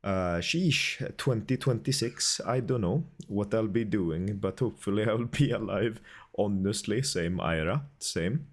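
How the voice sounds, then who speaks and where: A man's voice: lowish voice, expressive, measured pace. A man streaming a game, chatting politely with viewers and thanking them, with a stuffy nose and a cough. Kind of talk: casual gaming commentary.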